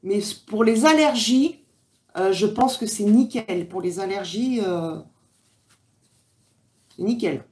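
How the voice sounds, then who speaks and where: A woman's voice: mid-range voice, slow pace, pauses often, a little mellow. A woman from France, chatting casually with viewers on her livestream, rambling with many fillers. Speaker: livestream host. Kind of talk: casual live chat reading comments.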